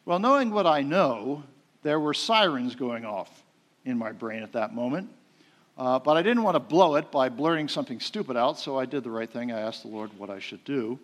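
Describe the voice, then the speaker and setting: Middle-aged guy preaching, folksy story style, lots of uh's, goes loud then quiet. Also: mid-range voice, lively intonation, moderate pace. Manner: folksy storytelling, swings loud and soft, frequent uh fillers. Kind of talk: sermon with personal story.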